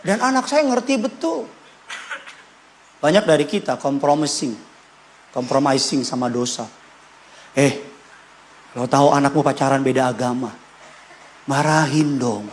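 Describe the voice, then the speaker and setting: A male pastor, preaching an animated sermon that swings between loud bursts and quiet asides. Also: normal speed, pauses often, a little hiss or hum. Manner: animated, shifts pitch and loudness, acts out quotes with shouts. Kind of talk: lively sermon. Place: church.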